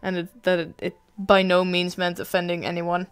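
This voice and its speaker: A woman's voice: lowish voice, flat delivery, normal speed, clean tone. A young adult woman streamer chatting casually, rambling and self-deprecating, swearing now and then.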